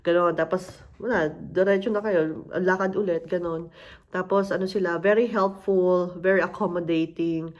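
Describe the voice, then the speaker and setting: A woman's voice: lowish voice, steady tone, normal speed. A Filipino woman with a Filipino accent, telling her story in a casual, conversational way and slipping English phrases into her talk. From Philippines. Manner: conversational, mixes in English phrases, acts out other people's voices. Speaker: interviewee sharing her immigrant story.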